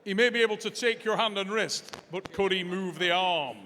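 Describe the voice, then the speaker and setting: A man works as a live sports announcer with a booming, pumped-up delivery. His voice sits high, and he stretches names out for effect. The big hall gives his words a long reverb. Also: normal speed, bright, forceful tone, a little hiss or hum. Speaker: ring announcer and post-match interviewer. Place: large indoor event arena.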